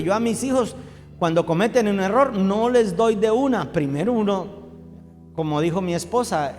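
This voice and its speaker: Colombian male pastor, animated sermon delivery, reverberant church hall. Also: high-pitched. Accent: Colombian Spanish. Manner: animated preaching with acted-out joke voices and shouts.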